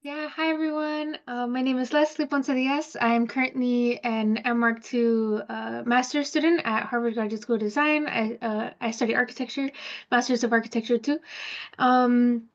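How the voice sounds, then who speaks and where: A woman's voice: fairly high pitch, steady tone, moderate pace, muffled recording. A woman in her twenties, an architecture student speaking as a webinar panelist, rambling and hedging with many fillers. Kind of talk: casual chat.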